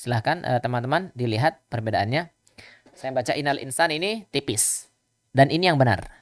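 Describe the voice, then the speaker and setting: A man teaching Quran recitation rules in a live online lesson, patiently repeating examples and chanting verses slowly. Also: medium pitch, animated, no room sound, studio quality.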